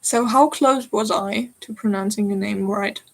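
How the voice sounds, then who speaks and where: A woman's voice: medium pitch, unhurried, creaky, poor audio. A young woman in her twenties with a German accent, chatting casually and giggling as she hosts a live crafting stream from home. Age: 20s. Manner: chatty, giggly, answers chat comments. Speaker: crafting livestream host.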